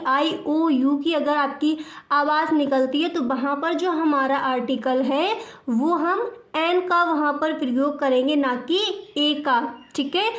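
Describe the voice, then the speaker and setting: In a reverberant space, a high-voiced woman teaches English grammar to students. She explains patiently, posing questions and then answering them herself.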